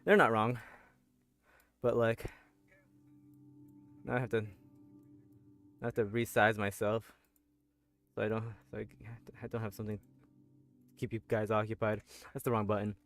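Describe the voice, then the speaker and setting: A man's voice: lowish voice, flat delivery, moderate pace, pauses often, a bit bright. A man streaming a game, chatting casually and rambling with many restarts, a little out of breath. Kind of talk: casual game livestream chat. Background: music.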